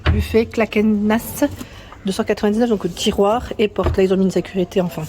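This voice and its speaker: A woman's voice: medium pitch, steady tone, fast talker, dark tone. A woman vlogging as she walks through a large furniture store, chatting casually and reading out prices and sizes with lots of tag-on fillers. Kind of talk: casual walkthrough chat.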